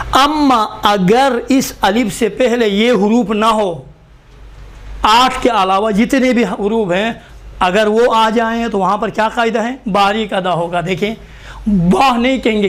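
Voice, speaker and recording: A man teaching Quran reading in a live class, slowly repeating letters for students to write down. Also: high voice, a bit bright.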